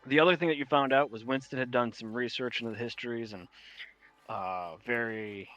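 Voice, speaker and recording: A man with a New York accent narrating a tabletop game as game master, with a halting, emphatic delivery. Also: mid-range voice, a bit bright, no echo, soft background music.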